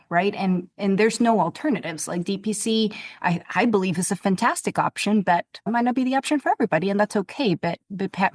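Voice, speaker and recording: Woman, from Venezuela, pediatrician, podcast guest, measured explaining, dry recording. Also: medium pitch, no echo.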